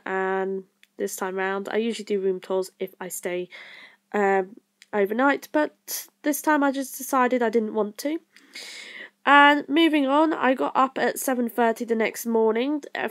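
A young woman narrating her own travel vlog in a casual voice-over, rambling with lots of fillers and self-corrections. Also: a little high. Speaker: vlogger.

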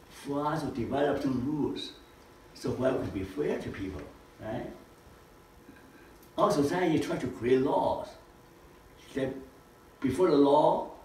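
In an echoey living room with a projector screen, an older man leads an informal teaching talk, tossing out rhetorical questions and gesturing expansively. His voice is a little high with a darkish tone and slight hiss or hum. The camera recording him sits across the room, far away.

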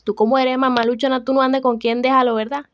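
Exasperated, sassy young Venezuelan woman, woman actor, a bit high, dry and lo-fi sound. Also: flat delivery, fast talker, dry recording, lightly acted. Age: young adult. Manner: exasperated, complaining, sharp-tongued. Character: fed-up young woman, grumbling, short-tempered. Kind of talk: comedic student film acting. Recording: dull, dry, lo-fi.

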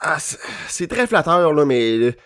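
A man's voice: a little high, very animated, a little slow, fairly bright tone. A young man with a Quebec French accent doing comedy sketches, self-deprecating and prone to stammer. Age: young adult. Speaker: comedian and YouTuber.

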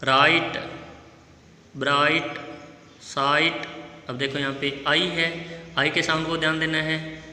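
A man with an Indian Hindi-speaking accent teaching an English lesson in Hindi to young pupils, spelling words letter by letter and repeating them slowly. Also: a little high, little pitch movement, pushed and bright. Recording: echoey room with long reverb.

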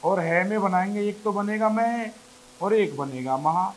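A man teaching Hindi grammar to a class. He keeps asking the class questions, often answers them himself, and repeats words slowly for emphasis. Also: high voice, a little hiss or hum, poor audio. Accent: North Indian Hindi.

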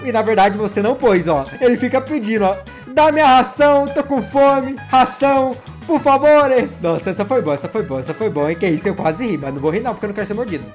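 An excitable man with a high voice rattles off playful reactions to funny cat clips and teases himself as he goes. His tone stays light and chatty, like a channel host talking to his viewers, with soft music running underneath. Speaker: YouTube gaming host.

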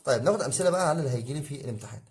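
A man's voice: mid-range voice, animated, very fast, darkish tone. A man with an Egyptian Arabic accent teaching an exam review lesson, asking his students questions and answering them himself. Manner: addresses students as guys, drilling rules. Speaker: English teacher.

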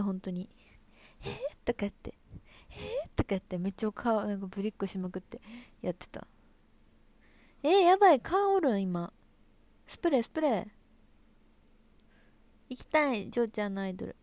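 A woman's voice: fairly high pitch, lively intonation, a little fast, pauses often, a little mellow, no room sound. A young woman from Osaka speaking in Kansai dialect, casually chatting with viewers and reading their comments on a live stream. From Osaka, Japan. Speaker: livestream host and stage actress.

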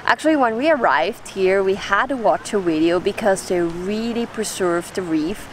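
A woman's voice: mid-range voice, lively intonation, moderate pace, a little hiss or hum, low-quality recording. A woman in her thirties, a Swiss German native speaker, describing places to camera as a travel vlogger. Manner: informative, plain-spoken. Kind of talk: casual travel vlog narration. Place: outdoors on a windy beach.

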